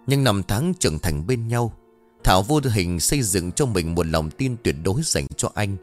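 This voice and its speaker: A man narrating a ghost story in an expressive, dramatic reading style. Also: fairly low pitch, normal speed. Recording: faint background music. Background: soft music.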